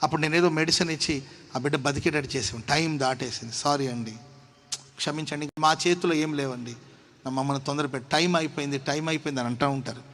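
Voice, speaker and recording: A man preaching with a high, carrying voice. He acts out the people in his story and builds up to loud, forceful passages. A faint hum of noise sits under the recording. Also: fairly even intonation, fast. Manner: dramatic, acts out dialogue, rises to shouting. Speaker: pastor. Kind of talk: sermon.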